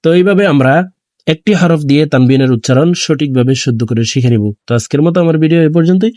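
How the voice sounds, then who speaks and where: Man drilling Quran letter sounds slowly. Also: fairly high pitch, mellow, no echo, studio quality. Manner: slow deliberate letter drills, quick asides. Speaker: Quran reading teacher. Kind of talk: recitation drill lesson.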